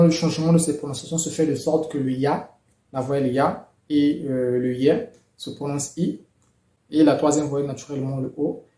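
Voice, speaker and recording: A man explaining pronunciation rules in a measured, methodical lesson, with occasional fillers. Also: a little high, dark tone, reverberant. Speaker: language teacher.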